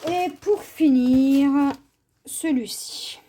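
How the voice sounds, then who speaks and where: A woman from France hosting a casual craft vlog, taking her time over each item. Her voice sits a bit high but sounds soft and mellow. She hesitates often, filling gaps with small fillers as she goes. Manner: unhurried, hesitant with many fillers. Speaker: craft channel host. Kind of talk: casual show-and-tell vlog.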